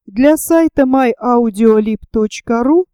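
Woman, audiobook narrator, calm even storytelling, smooth resonant voice, dry close-mic sound. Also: fairly high pitch, slow, no room sound. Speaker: audiobook reader.

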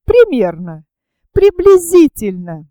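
A woman's voice: wildly swooping pitch, takes it slowly, mellow, no room sound, dull audio, exaggerated voice. Woman playing a vain old male writer. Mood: sugary fawning. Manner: affected, sugary squeak when fawning. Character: vain, pompous elderly male celebrated writer.

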